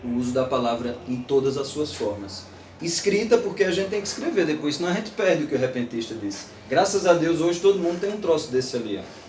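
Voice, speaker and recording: A man's voice: on the high side, brisk, roomy sound, recorded from a distance, a little hiss or hum. A man giving an informal, playful lecture to an audience. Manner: animated, playful, recites verse aloud.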